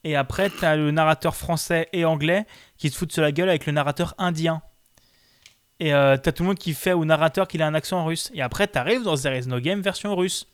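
Man, slightly high voice, dry close sound, enthusiastic, rambling game chat. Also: fairly quick, clean tone, no echo. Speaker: game show co-host. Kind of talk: casual chat about video games.

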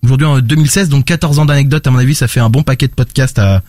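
A man's voice: medium pitch, racing, darkish tone, no room sound, studio quality. A man presenting and reviewing podcasts in a chatty, enthusiastic way, with many fillers and restarts.

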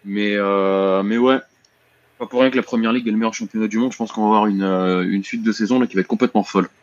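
A man's voice: fairly low pitch, fairly even intonation, fast. A man co-hosting a casual football talk show, slangy and hesitant with frequent restarts. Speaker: football podcast co-host. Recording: dull lo-fi sound.

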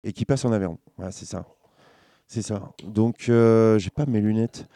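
A man presenting a beer in casual podcast chat, halting and full of fillers. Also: fairly low pitch, mellow, no room sound, studio quality. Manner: hesitant, halting delivery with many fillers.

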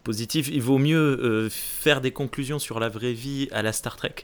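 A man's voice: medium pitch, moderate pace. A man with a non-native French accent, a podcast guest in casual chat, joking and laid-back.

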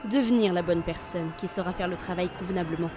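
A woman's voice: lowish voice, quick pace, loud music behind the voice, close to an everyday voice. An actress playing a cruel, sardonic seductress who mocks the man she plots to kill. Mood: coldly mocking. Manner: sardonic, coldly mocking. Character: cruel, mocking seductress who wants her lover dead.

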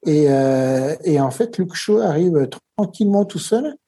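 Male pundit, mellow and a bit husky, halting tactical chat. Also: a little high, animated. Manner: hesitant, many filler sounds. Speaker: football co-commentator. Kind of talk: casual match commentary.

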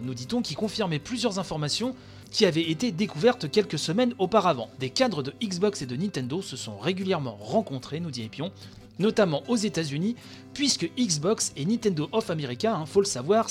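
Chatty high-voiced man hosting a podcast. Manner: chatty, many fillers, reads and quotes an article. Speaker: podcast host. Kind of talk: solo podcast news commentary.

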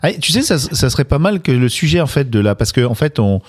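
A man's voice: medium pitch, sing-song, brisk, slightly rough. A man from France with a French accent, hosting a casual chat with playful, teasing banter.

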